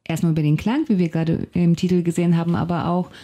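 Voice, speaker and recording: Fast-talking and mellow, with a lowish voice and fairly even intonation, a Russian-native novelist and translator reflects aloud during a radio studio interview. She is thoughtful and often searches for words.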